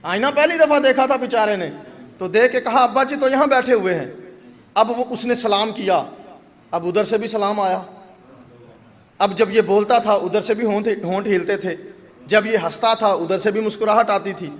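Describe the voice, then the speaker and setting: High-voiced preacher in an echoing mosque. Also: male voice. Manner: animated storytelling with repetitions. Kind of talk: Friday sermon storytelling. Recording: echoey mosque hall.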